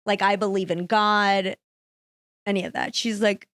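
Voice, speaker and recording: A woman's voice: medium pitch, flat delivery, a little slow, fairly bright tone, dry recording, clean studio sound. A young woman guesting on a podcast, chatting playfully with lots of "like.". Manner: playful, peppered with "like". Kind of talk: casual chat. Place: studio.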